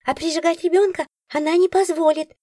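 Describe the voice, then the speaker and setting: A woman's voice: very high voice, fairly even intonation, brisk, dark tone, dry recording, clean studio sound, voice pushed up. A woman voicing a grumpy, bossy talking magic book who scolds and snaps. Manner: scolding, snappish.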